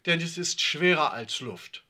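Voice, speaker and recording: A man's voice: fairly high pitch, expressive, measured pace, bright, forceful tone, exaggerated voice. A man voicing an earnest schoolboy who explains a homemade experiment. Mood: earnest explaining.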